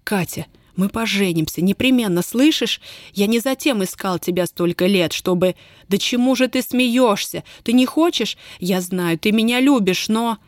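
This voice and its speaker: A woman's voice: medium pitch, normal speed, no echo, clean studio sound, lightly acted. A woman reading an audiobook, voicing an earnest young male army officer who pleads in love and speaks steadily. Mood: pleading. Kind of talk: audiobook character voice.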